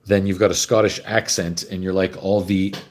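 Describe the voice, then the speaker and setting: A man's voice: deep voice, little pitch movement, normal speed. A man from Canada hosting a casual livestream, chatting in a rambling way while fumbling with his camera gear. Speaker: host.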